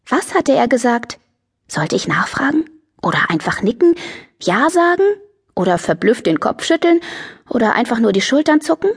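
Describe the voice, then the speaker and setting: Husky woman narrating an audiobook. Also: fairly high pitch, normal speed. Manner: lively, self-mocking, chatty. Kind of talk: first-person teen novel narration.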